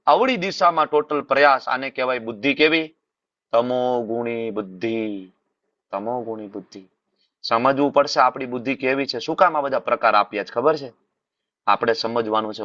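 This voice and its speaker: A man with a Gujarati accent giving a sermon in a scripture class, animated, asking rhetorical questions and repeating phrases. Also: mid-range voice, no room sound, lo-fi sound. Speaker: preacher.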